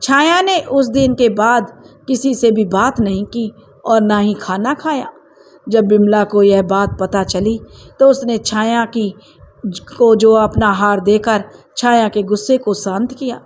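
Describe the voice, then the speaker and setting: A woman storyteller hosting her own channel, reading a family story aloud in a steady, expressive way. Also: medium pitch, measured pace, a little hiss or hum. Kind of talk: scripted story narration.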